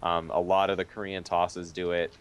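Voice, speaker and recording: Deep-voiced male game analyst. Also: moderate pace, clear, resonant tone. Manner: relaxed, explanatory, casual. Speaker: esports co-caster.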